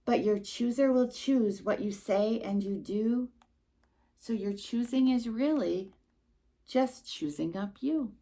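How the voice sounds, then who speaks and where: A woman reads a rhyming picture book to a young child in a slightly high voice at a slow pace, with slight background noise. As the storytime host she stays expressive and emphatic, with little asides to the listener.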